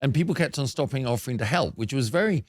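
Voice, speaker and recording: A man's voice: medium pitch, expressive, fast, dry recording. A man hosting a talk show in a studio, speaking in an earnest and reflective way. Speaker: show host. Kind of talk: casual interview chat.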